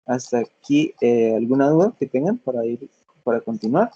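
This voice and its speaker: Husky, mellow-voiced male teacher. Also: mid-range voice, expressive, normal speed, muffled recording. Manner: patient step-by-step explaining, frequent check-ins. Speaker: English teacher. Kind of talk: classroom lesson.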